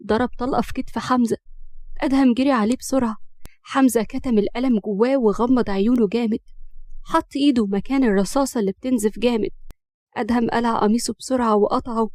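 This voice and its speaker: Egyptian woman storyteller, brisk, dry close recording, slightly high voice. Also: darkish tone, no room sound. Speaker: story narrator. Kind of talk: scripted narration of a romance story.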